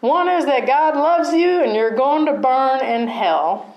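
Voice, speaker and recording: A woman's voice: expressive, echoey room, dull audio. A woman putting on a Texan accent to voice a wry, drawling Texan man. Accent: put-on Texan. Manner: slow, drawled, higher than her own voice.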